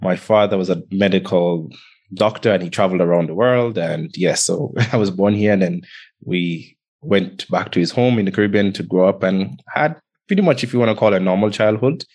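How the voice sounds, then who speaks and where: A young adult man from Antigua, a podcast guest, reflectively tells his life story in a casual interview, chuckling often. His voice is low, a little mellow, and fairly quick.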